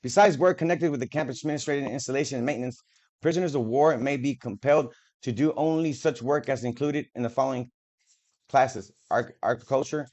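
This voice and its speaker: A video creator with a medium-pitched, slightly mellow voice talks a little fast. He reads official documents aloud to the camera, stumbling over words and breaking off for casual, profane asides. The audio is dull and lo-fi.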